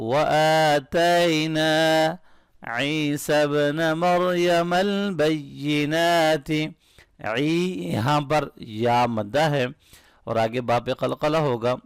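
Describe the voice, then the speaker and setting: A man teaching recitation step by step. He chants each verse slowly and melodically, then explains the rules quickly in a lower voice, often checking in with the listener. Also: no room sound, studio quality.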